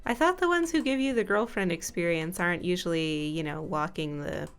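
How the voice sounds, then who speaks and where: A woman's voice: on the low side, brisk, smooth, faint music behind. A woman making wry, teasing casual banter as a gameplay co-commentator. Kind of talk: casual banter over a game.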